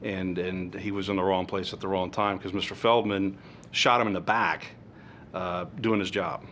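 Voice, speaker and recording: A man, a prosecutor, speaking in an interview in a measured, deliberate way. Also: sits low, fairly even intonation, fairly bright tone, slight background noise.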